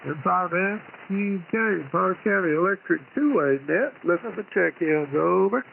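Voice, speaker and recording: Male net control operator, high-pitched, informal and folksy, on a narrowband single sideband radio signal with faint static. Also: normal speed, creaky. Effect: single sideband radio transmission. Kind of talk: casual radio net check-in chat.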